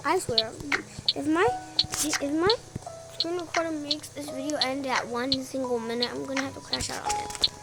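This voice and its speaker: Young female gamer, chipmunk-like high voice, excitable casual commentary, loud music behind. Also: moderate pace, gravelly. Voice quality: squeaky chipmunk-like voice. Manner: excitable, slangy. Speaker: gamer recording gameplay.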